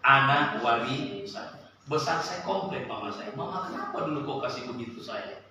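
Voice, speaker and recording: A man preaching a sermon and telling a personal story, with an animated voice that climbs and sinks sharply. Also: medium pitch, moderate pace, a little hiss or hum. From Sulawesi, Indonesia. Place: church service hall. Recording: echoey church hall, from a distance.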